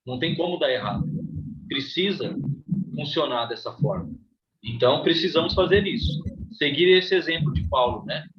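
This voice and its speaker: A man's voice: fairly high pitch, expressive, normal speed, lo-fi sound. A man with a Brazilian accent teaching a Bible study class, reading scripture aloud and explaining it, often checking in with "né?". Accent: Brazilian Portuguese. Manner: reads scripture aloud, then explains with frequent "né?".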